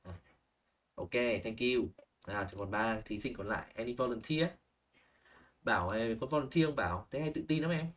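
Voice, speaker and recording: A man's voice: mid-range voice, normal speed, long pauses, far from the mic. Young male teacher giving spoken feedback. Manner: animated, models phrases, checks in with "ok?" and "chưa?". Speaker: IELTS speaking teacher. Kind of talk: online lesson feedback, mixing Vietnamese and English.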